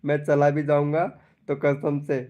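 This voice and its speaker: Male streamer, unhurried and teasing, clear smooth voice. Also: on the high side, monotone, mellow, muffled recording. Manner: playful, teasing, chuckling often. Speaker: live stream host. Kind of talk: casual live-stream chat reading viewer messages.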